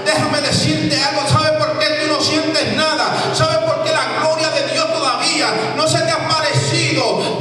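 A middle-aged man preaching a fiery sermon as pastor, shouting at peaks and dropping to quiet asides, repeating his phrases. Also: extremely high pitch. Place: church sanctuary with stage. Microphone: handheld mic. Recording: echoey church hall from far off.

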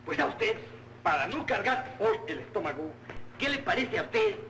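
An actor with a Mexican accent playing a cheeky, hungry young slacker, wheedling and fussy, in an old film comedy. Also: male voice, high-pitched, wildly swooping pitch, moderate pace, sharp tone, heavily acted. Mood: wheedling, mock-polite. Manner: wheedling, impudent, fussy with diminutives. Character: cheeky, hungry, lazy young cyclist working at a tailor's. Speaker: comic actor. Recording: roomy, noisy old film soundtrack.

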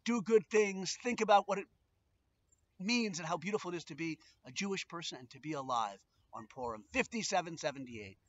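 Male rabbi, middle-aged, Brooklyn accent, high voice, playful emphatic delivery, slightly muffled outdoor camera sound. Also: animated, brisk, a bit bright, a little hiss or hum. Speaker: rabbi and presenter. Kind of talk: informal video talk with religious teaching. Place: outdoors on a back porch.

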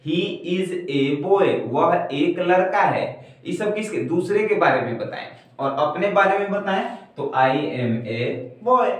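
A young man in his twenties teaching a basic spoken English lesson in a classroom at a whiteboard. He repeats each example sentence slowly and patiently. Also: a little high, distant mic. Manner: slow, repetitive teaching, saying each example twice. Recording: very echoey room, heard from afar.

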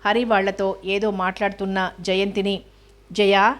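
A woman narrating a novel as an audiobook in a steady, even reading manner. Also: mid-range voice, moderate pace.

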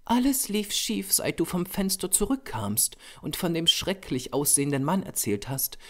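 A man's voice: sing-song, normal speed, a bit bright. A man voicing a young female artist's model who scolds and teases in a raised voice. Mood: scolding. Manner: high, scolding and teasing.

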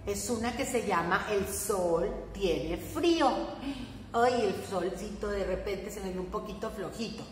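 A woman with a Mexican accent teaching preschoolers, singing and talking to them in an animated sing-song way. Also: medium pitch, a little slow, a little hiss or hum. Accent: Mexican Spanish. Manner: animated sing-song, speaking to small children. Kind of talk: singing lesson for young children. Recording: echoey room, long reverb, faint ambience.

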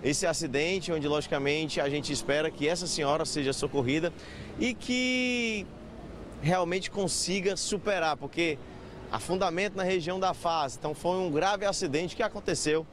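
A man's voice: fairly high pitch, moderate pace, a bit bright. A man giving an urgent live news report from a city avenue, questioning witnesses. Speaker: street reporter. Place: busy city avenue outdoors. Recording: street traffic noise behind.

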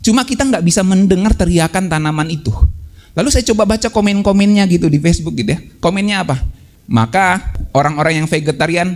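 Male preacher, high voice, joking casual sermon, teases the congregation. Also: lively intonation, fast talker, darkish tone. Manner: jokey, teasing the congregation with playful mock quotes; addresses listeners as "saudara" often.

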